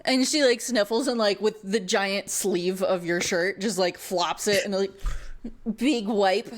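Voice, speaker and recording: Woman, game master, slightly low voice, slow pace, descriptive fantasy narration.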